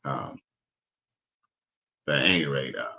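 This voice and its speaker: A commentary show host reacts casually in a low, gravelly voice with a bright, forceful edge. He's animated but a little slow, rambling, swearing freely and searching for words as he loses his train of thought mid-sentence.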